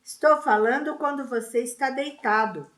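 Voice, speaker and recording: A woman voicing a bullying teenage boy who taunts his cousin, sometimes in a mocking, wailing falsetto, in a storybook reading. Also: moderate pace, roomy sound, background noise, natural voice. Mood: taunting.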